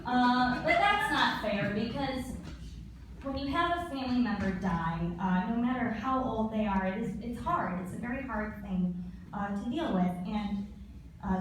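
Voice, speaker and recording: A young American woman doing a stand-up comedy set, deadpan and blunt, swearing freely. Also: medium pitch. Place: comedy club stage. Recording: echoey room from a distance, noisy.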